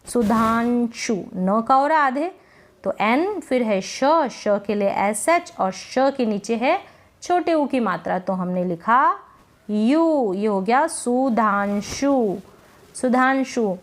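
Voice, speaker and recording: Slow, deliberate woman teaching spelling. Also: a little high, animated. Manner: spells letter by letter, repeating each answer as a drill. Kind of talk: spelling lesson.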